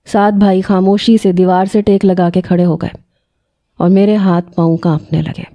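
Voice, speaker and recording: A woman storyteller reading a scripted first-person story in an emotional, measured way. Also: lowish voice, little pitch movement, warm tone.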